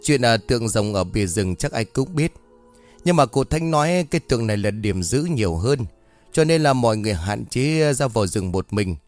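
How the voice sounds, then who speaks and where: A man's voice: mid-range voice, lively intonation, a little fast, darkish tone, no room sound, faint music behind, close to an everyday voice. A man voicing a cocky young village man who lectures and makes announcements in a ghost story. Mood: announcing. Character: brash young village man, errand runner.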